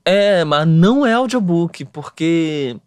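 Carioca man, high-ish voice, easygoing slangy storyteller on a dry podcast mic. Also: slow, clear, resonant tone, no echo. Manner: relaxed storytelling, slang-heavy. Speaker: guest author. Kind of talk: casual podcast conversation.

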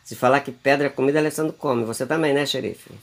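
A man from Brazil with a gravelly, husky voice. He chats on a handheld phone video, coaxing his pets in a sing-song way and turning aside now and then to his viewers. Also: medium pitch, steady tone, quick pace. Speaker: vlogger. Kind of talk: casual home video chat.

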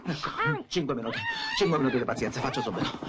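An actor playing a sly, bumbling male burglar, middle-aged, who mutters and hushes to himself as he works. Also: mid-range voice, huge pitch swings, quick pace. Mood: hushed fretful. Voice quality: mutters and hushes in a loud whisper. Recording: loud hiss from an old film soundtrack.

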